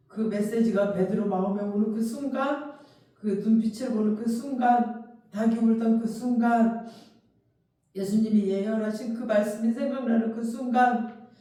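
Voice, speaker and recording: A pastor preaching a sermon in a church, telling the story with strong emotion and bursting into loud, heated outbursts. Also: mid-range voice. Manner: emotional, animated storytelling with shouted imagined outbursts. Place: church sanctuary. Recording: very echoey hall, distant mic.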